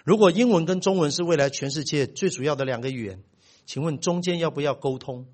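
A middle-aged man preaching a sermon as pastor, telling stories with big swings in loudness. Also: on the high side, fast talker.

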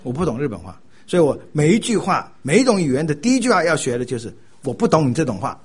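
An older man from Taiwan, giving a sermon with animated storytelling and laughing at his own jokes. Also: a little high, fast talker, breathy edge.

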